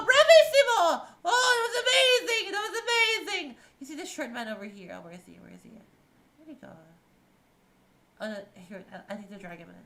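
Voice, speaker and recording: A woman running a tabletop game as game master, excitable and animated. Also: mid-range voice, vocal fry, a little hiss or hum.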